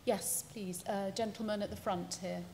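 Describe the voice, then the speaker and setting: A woman moderating a panel's question session, polite and brisk. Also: mid-range voice, fairly even intonation. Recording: clear background noise.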